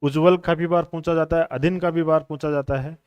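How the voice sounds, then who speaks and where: A man leads a coaching lesson on questions, patiently repeating each answer for his students. His voice sits a little high and sounds smooth and clear. The room is dry and close to the mic. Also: steady tone, a little fast, no room sound, highs cut off. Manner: explains patiently, repeats answers, addresses students as brothers and friends. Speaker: exam coaching teacher. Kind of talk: classroom lecture on Hindi exam questions.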